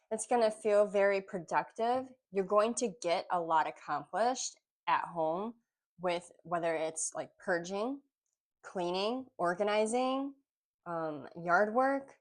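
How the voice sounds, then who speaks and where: A woman giving a casual intuitive tarot reading, musing aloud with pauses between phrases. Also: mid-range voice. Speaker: tarot reader.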